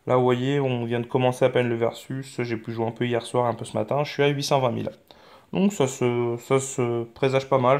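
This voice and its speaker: A man of middle pitch hosts a mobile game channel in casual gameplay commentary. He rambles and hesitates, often stopping on fillers and starting his sentences over. His tone stays frank and offhand, with some mild swearing. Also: a little mellow.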